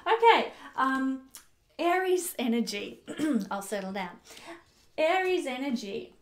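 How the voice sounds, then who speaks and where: A woman astrologer talks through a forecast in a loose, chatty way. Her voice sits a little high, and she laughs often and stops to correct herself.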